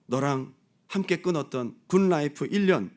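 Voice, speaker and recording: A man's voice: expressive, moderate pace. A man doing a petty, clingy young boyfriend. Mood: pleading. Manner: soft, low, wheedling pleading.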